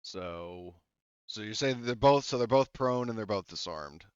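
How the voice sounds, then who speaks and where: A game master with a low, smooth voice runs a tabletop game, patiently confirming every rule and roll with the players. His resonant voice arrives through dull, lo-fi voice chat that sounds dry with no room sound, and he talks a little slowly.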